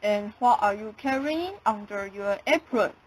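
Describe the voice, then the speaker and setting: A woman's voice: mid-range voice, animated, unhurried, a little hiss or hum, lightly acted, poor audio. A woman voicing a sly, hungry male wolf with a coaxing, scheming manner in a storybook radio play.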